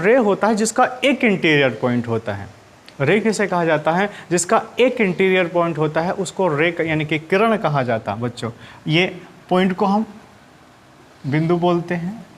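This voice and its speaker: Repetitive man teaching school maths. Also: a little high. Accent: Hindi. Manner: repeats himself, asks questions then answers them; often calls students "children". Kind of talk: classroom lesson to children.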